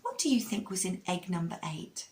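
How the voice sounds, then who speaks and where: Expressive woman, kids show host telling stories. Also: fairly low pitch, moderate pace, a little hiss or hum. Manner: kids show host, addressing children directly with questions and prompts. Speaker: children's storytime host. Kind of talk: children's storytelling with religious lesson.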